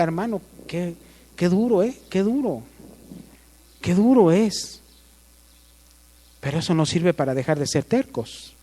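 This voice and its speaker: A man's voice: sits high, long reverb tail. A man with a Mexican accent preaching a sermon, asking the congregation questions and calling for amens.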